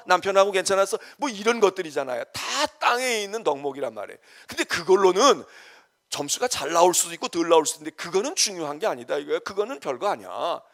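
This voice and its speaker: A male pastor delivering an early-morning sermon, swinging from emphatic preaching to quiet acted-out asides. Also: sits high, fast talker. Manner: animated preaching that drops to soft, quoted asides. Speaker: senior pastor. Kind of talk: dawn service sermon.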